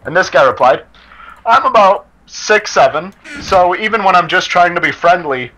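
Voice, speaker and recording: A man's voice: sits high, animated, moderate pace, bright, forceful tone. A man casually reading a story aloud to friends, laughing and stumbling over words as he goes. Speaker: story reader. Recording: noisy game chat with gunfire. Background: game gunfire and clicks.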